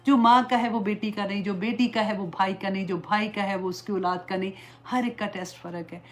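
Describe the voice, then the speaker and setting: A woman's voice: mid-range voice, fairly even intonation, slight background noise. A middle-aged woman religious teacher giving an earnest, pleading lecture, mixing English words into her talk. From Pakistan.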